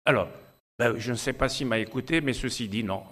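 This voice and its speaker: A man's voice: medium pitch, a little fast, a bit bright, husky. A middle-aged man with an Algerian French accent, an ENT doctor giving a conference lecture, chatty and anecdotal with many hesitations.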